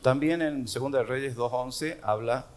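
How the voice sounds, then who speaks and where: A man from Argentina with an Argentine Spanish accent, preaching a sermon at an unhurried pace with fillers and repeated words. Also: medium pitch, faint music behind. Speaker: pastor.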